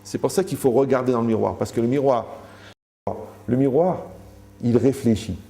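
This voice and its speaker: A man's voice: mid-range voice, normal speed, gravelly, mellow. A man giving a Torah lecture to a live audience, joking, asking the room questions and acting out the people he quotes.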